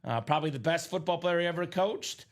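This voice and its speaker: A man in his thirties hosting a live card break, chatty and energetic, calling out names and teams. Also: fairly high pitch, fast talker. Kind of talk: live stream commentary.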